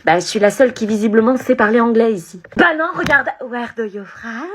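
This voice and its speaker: A woman playing a cheeky, show-off high-school classmate in a comedy sketch. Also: a little fast, a bit bright, slight background noise, close to an everyday voice. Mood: cocky. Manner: cocky and teasing.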